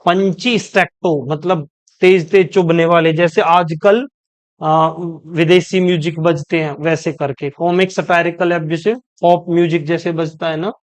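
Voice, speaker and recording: A man from India teaching an exam-prep lecture. He explains step by step, keeps rephrasing himself, and reads English quotations slowly and deliberately. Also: on the high side, fairly even intonation, clear, resonant tone.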